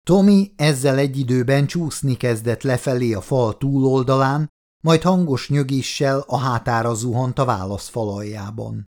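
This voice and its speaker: A man reading an audiobook in a steady, dramatic storytelling manner. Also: mid-range voice. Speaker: audiobook narrator. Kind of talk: scripted audiobook narration.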